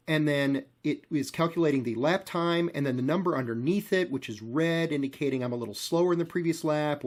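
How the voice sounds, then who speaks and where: A man with an American accent explaining and narrating as the host of a car video. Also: on the high side. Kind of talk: explanatory tutorial and storytelling narration.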